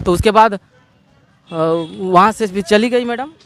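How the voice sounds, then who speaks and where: A young man speaks with a Jharkhand Hindi accent in a rather high voice. He tells his story in a rambling, heartfelt way and acts out the other people's lines. He is recorded outdoors beside a road, with vehicles passing behind him. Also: slow pace, a bit bright, a little hiss or hum. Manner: rambling retelling, quotes others' words, restarts. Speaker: interviewee recounting police custody. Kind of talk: emotional first-person testimony.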